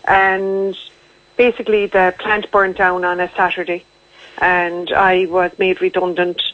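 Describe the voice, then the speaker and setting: On a tinny, narrow-band phone line with no room sound, a woman with a west of Ireland accent speaks a little slowly in a lowish, flat voice. She's a guest in a radio interview, telling her own story in a conversational, matter-of-fact way over the telephone.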